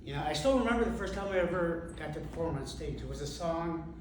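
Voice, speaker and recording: A man from India telling a personal story on stage, halting and self-mocking, with many fillers. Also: a little high, expressive. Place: theater stage. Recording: echoey hall recorded from far off, with noise.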